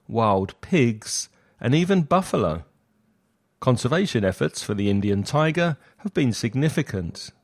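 A man's voice: medium pitch, no echo, clean studio sound. A man reading scripted narration in the style of a nature documentary.

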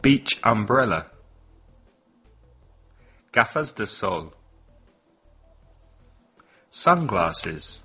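A man hosting a bilingual English lesson podcast, leading slow, deliberate vocabulary drills with lots of repetition. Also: lowish voice, sing-song, bright, forceful tone, husky, soft background music. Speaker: English teacher and podcast host.

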